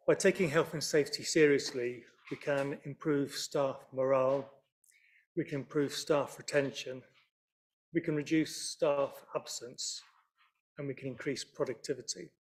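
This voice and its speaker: A man as a councillor presenting a prepared report at a council meeting, in a steady delivery. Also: mid-range voice.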